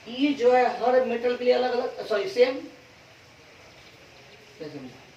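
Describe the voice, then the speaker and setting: Man, physics teacher, slow deliberate delivery, dull distant classroom recording. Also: high-pitched, a little mellow, reverberant, a little hiss or hum. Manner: repeats key terms slowly for students to copy; quizzes the class with call-and-response questions. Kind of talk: classroom lecture.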